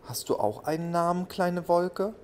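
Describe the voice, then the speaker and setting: Anna, a man doing a quiet, shy little girl. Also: sits high, measured pace, slight background noise, pitched above the performer's own voice. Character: shy little schoolgirl, new in town, kind.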